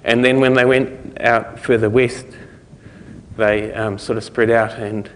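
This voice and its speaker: In an indoor conference lecture room with hall reverb, a man with a fairly low, level voice presents a technical talk. He speaks informally and haltingly, often leaving thoughts trailing off.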